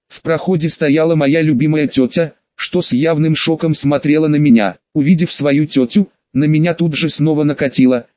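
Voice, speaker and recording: Dramatic male audiobook narrator, slightly high voice. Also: no echo. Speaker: audiobook reader. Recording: dull dry lo-fi recording.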